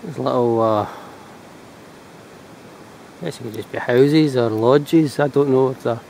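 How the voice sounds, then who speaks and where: A Scottish man talks in a mellow, relaxed voice at a middling pitch. He narrates his walk casually, musing to himself in a low-key way. It is recorded outdoors with faint ambient noise behind him. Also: a little slow, vocal fry, poor audio. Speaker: walking vlogger. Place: outdoors on a walking trail.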